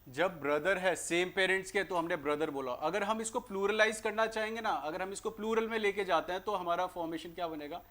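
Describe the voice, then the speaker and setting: A man with an Indian accent teaching an exam-prep grammar lesson, explaining in Hindi and slowly reading out English sentences. He keeps asking rhetorical questions and answering them himself. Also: high voice, fairly bright tone. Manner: asks and answers his own rhetorical questions.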